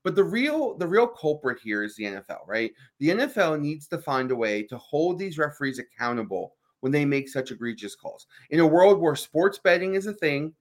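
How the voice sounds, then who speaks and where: A man's voice: on the high side, sing-song. A man co-hosting a sports talk show, making emphatic points and often asking "right?". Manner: fast, emphatic, fills with "right?".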